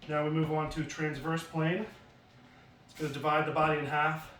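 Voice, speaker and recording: A man's voice: on the high side, flat delivery, moderate pace, a bit bright, a little hiss or hum. A man demonstrating exercises at home as a fitness instructor, casually explaining each move while he performs it. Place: home basement. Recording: roomy echo from far off, faint ambience.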